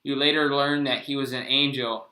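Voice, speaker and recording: A man's voice: medium pitch, little pitch movement, moderate pace, sharp tone, roomy sound, poor audio. A young man giving a class presentation, reading his written pieces aloud and stumbling over words with restarts.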